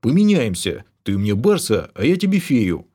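A husky, huffing little gnome who grumbles and wheedles for loot, as a man puts him on. His voice sits higher than the reader's own and has an odd, strained timbre. He sulks and bargains in a lively, bouncing tone. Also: normal speed. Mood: wheedling. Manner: huffing, sulky. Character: grumbling greedy male gnome, touchy.

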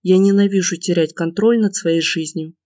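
A man reading the part of a tearful, anxious young woman student in an audiobook, in a soft pleading way. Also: sits high, steady tone, normal speed, dry recording, lightly acted. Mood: upset. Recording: dull lo-fi dry recording.

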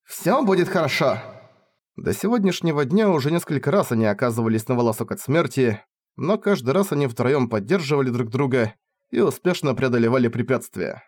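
A man's voice: medium pitch, animated, brisk, a little mellow, no echo, clean studio sound. A man reading a fantasy novel aloud as an audiobook narrator, telling the story expressively.

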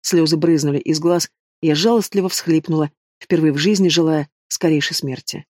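A man narrating a fantasy novel in the first person, steady and dramatic. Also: on the high side, moderate pace, dry recording, clean studio sound. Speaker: audiobook narrator.

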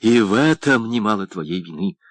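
A man voicing an embittered male friend who speaks loudly, slowly and indignantly. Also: on the low side, lively intonation, dry recording. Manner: loud, deliberate, indignant.

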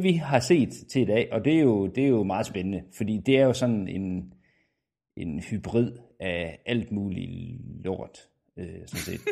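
Casting: low, gravelly male co-host from Denmark, halting casual recap. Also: darkish tone. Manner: hesitant, many fillers and restarts. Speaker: podcast co-host.

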